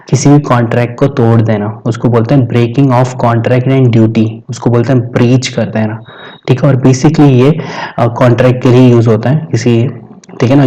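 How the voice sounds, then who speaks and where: An Indian man, a native Hindi speaker, teaches an exam-prep vocabulary lesson in a dark, mid-range voice on a low-quality recording. He repeats words, quizzes students, and keeps checking in with frequent "theek hai."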